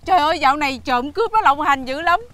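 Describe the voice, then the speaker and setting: A young student daughter who whines through tears. The voice is very high and speaks, with clear noise underneath the recording. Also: female voice, lively intonation, fast, fairly bright tone. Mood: wailing. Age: young adult. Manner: whiny, tearful. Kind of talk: comedic sketch acting.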